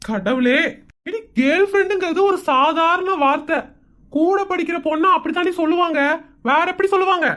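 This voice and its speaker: A woman's voice: extremely high pitch, moderate pace, fairly bright tone. A woman voicing an exasperated village father in a cartoon comedy, scolding in a rural Tamil Nadu accent.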